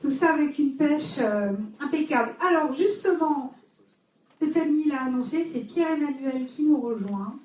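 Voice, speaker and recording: High-voiced woman moderating a panel. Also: normal speed. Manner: lively, encouraging. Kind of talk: introducing speakers. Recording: far-off echoey hall, dull, noisy.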